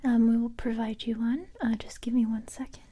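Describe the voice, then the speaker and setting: A husky, fairly high-pitched woman's whisper carries this soft-spoken ASMR roleplay, where she portrays a calm, confident special-forces police recruiter. Her breathy delivery is gentle, unhurried and matter-of-fact, with a calm, businesslike mood.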